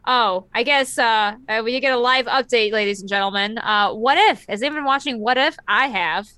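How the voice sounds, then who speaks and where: A woman's voice: a little high, normal speed, sharp tone, clear, resonant tone, dry recording. A woman in her late twenties co-hosting a casual podcast chat, laughing often and tripping over her words. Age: 20s. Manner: giggly, stumbling over words. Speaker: podcast co-host.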